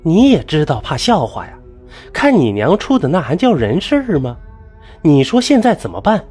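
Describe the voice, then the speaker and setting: Resentful young pregnant wife in a storybook tale, higher and lively, as a male storyteller puts her on. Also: normal speed, slightly rough, faint music behind, heavily acted. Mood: scolding. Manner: complaining, reproachful. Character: young village wife, pregnant, bitter and tearful.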